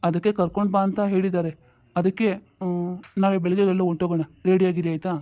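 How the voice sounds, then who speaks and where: A woman doing a low, casual husband. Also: little pitch movement, quick pace, warm tone, natural voice. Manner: casual, matter-of-fact, dropped into a low register. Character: grown man, husband, easygoing and brisk. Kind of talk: home-made family drama.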